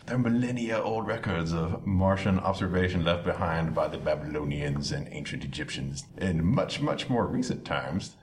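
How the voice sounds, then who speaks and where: Low-voiced man, mock-scholarly podcast explainer. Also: animated, moderate pace, hardly any pauses. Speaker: podcast panelist. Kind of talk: semi-scripted explanation in casual podcast. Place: public lobby. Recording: lobby with faint background noise.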